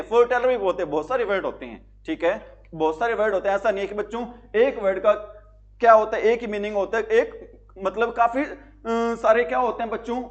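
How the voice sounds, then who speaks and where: A man's voice: high voice, muffled recording. A man teaching an exam-prep vocabulary lesson, repeating each question and answering it himself. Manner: repetitive, quizzing students with call-and-answer questions.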